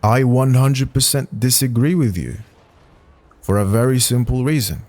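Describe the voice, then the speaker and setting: Speaking at normal speed in a medium-pitched, darkish voice, a man narrates online hot takes and comments on them. His reactions are blunt and casual, with swearing and lots of restarts.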